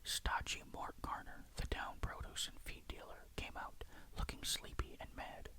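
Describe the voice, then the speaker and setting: Hushed, suspenseful whispering storyteller. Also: a little slow. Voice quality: breathy unvoiced whisper. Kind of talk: whispered ASMR reading of a ghost story.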